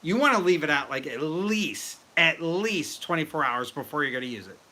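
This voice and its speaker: A man hosting a casual live stream about brewing mead, excitable and rambling as he chats with viewers. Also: a little high, normal speed. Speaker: livestream host.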